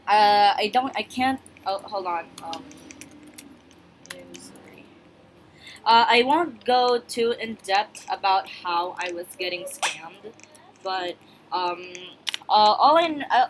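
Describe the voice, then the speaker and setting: A woman's voice: mid-range voice, a bit bright, low-quality recording. A woman hosting her own gaming channel, rambling through casual gameplay commentary with many fillers and restarts while chatting straight to her viewers. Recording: clear background noise with clicks.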